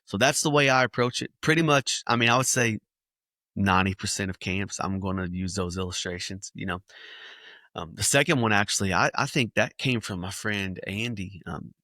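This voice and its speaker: Bright-voiced man telling vivid stories. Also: on the low side, normal speed, dry recording, studio quality. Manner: animated storyteller acting out scenes. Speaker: kids ministry speaker. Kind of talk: podcast interview storytelling.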